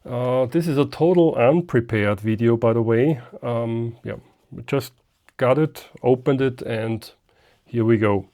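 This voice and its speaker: An amateur radio video host leads an unscripted, hands-on product demonstration. His medium-pitched voice is relaxed and soft-edged, and he speaks slowly and haltingly, thinking aloud as he works.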